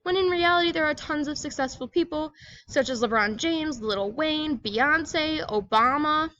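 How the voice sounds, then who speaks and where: A woman's voice: sits high, moderate pace, a bit bright, muffled recording. A woman giving a scripted educational presentation, reading aloud in a plain, explanatory manner.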